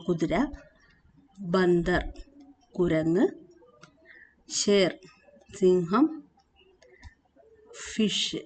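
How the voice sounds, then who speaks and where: A woman leads a language lesson at an unhurried pace. She repeats each word and spells it out letter by letter, pausing on fillers and correcting herself. Faint background noise sits under her voice. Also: medium pitch, darkish tone. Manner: slow, repeats and spells out words; hesitant fillers and self-corrections. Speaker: language teacher.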